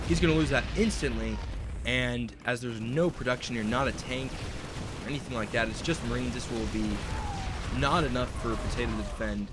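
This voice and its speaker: A young man giving play-by-play commentary on a strategy game, speculating on each move as it happens. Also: medium pitch. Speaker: esports caster.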